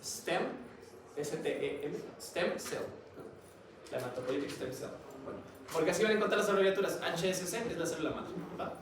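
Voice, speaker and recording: At a moderate pace and fairly high pitch, a man delivers a chatty classroom lecture, constantly quizzing his students. It was captured in an echoey, noisy classroom with a distant mic.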